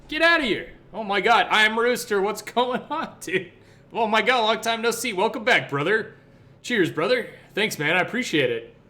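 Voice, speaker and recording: A man's voice: high-pitched, expressive, moderate pace, sharp tone. A young man streaming live, chatting loosely with viewers and laughing easily, heard through a livestream headset microphone. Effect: livestream headset audio. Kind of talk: casual live-stream chat.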